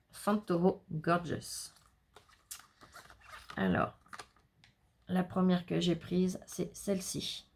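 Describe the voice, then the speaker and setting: A woman's voice: on the low side, creaky, a little mellow. A woman chatting casually and rambling through a crafts haul, with self-mocking asides. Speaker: crafts vlogger.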